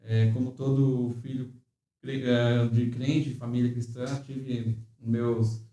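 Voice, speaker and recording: An older man, a church bassist chatting casually with many restarts and tag questions, recorded in an echoey room from a distance. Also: level tone, slow pace, dark tone. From Rio Grande do Sul, Brazil. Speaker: church bassist and worship leader. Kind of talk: casual chat.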